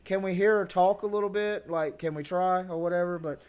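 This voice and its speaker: A man with a high-pitched voice hosts a casual wrestling podcast. He is excitable and reacts quickly. He swears freely as he talks. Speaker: podcast host.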